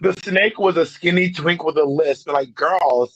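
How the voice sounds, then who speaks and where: A man's voice: fairly high pitch, normal speed, fairly bright tone, no room sound, lo-fi sound. A man co-hosting a podcast in casual chat, telling stories in a playful, joking way. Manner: playful storyteller, jokey. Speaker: podcast co-host.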